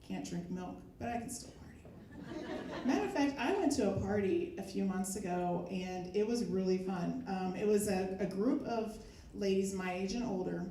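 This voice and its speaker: A middle-aged woman on a comedy stage spins stories in a wry, unhurried way, pausing on fillers. Her voice sits in a middle register. The echoey room carries it from some way off, with a faint hum of the crowd underneath. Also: mid-range voice, dark tone. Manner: wry storytelling with filler pauses. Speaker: stand-up comedian. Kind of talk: stand-up comedy set. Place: live comedy stage with audience. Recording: echoey live room from far off.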